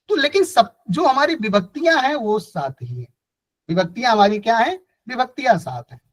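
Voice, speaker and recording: A man's voice: extremely high pitch, rough recording. A man teaching a Sanskrit grammar class, explaining step by step and asking the class questions, with a Hindi-speaking North Indian accent. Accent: Hindi-speaking North Indian, from Kanpur area. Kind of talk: online class lecture.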